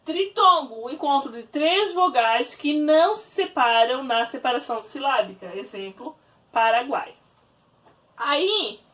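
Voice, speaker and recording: High, lively woman teacher, a bit far off. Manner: slow, spelled-out explaining. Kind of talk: online grammar lesson.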